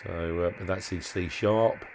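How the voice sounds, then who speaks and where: Speaking low and steady at a measured pace over a noisy background, this hobbyist demonstrates radio gear he has altered. The demo is casual and practical, and he hesitates as he thinks aloud, often trailing off mid-thought.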